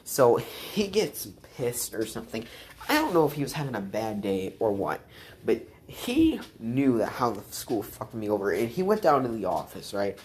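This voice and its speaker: A woman's voice: very deep voice, very animated, normal speed, a little mellow, a little hiss or hum. A young woman telling a rambling, profane vlog story, full of restarts and fillers. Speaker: vlogger.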